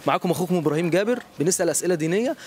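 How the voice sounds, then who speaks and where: An Egyptian man hosting a street quiz outdoors, encouraging and quick to praise each answer. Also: high voice, lively intonation, a crowd in the background. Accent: Egyptian Arabic. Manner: encouraging, repeats praise often.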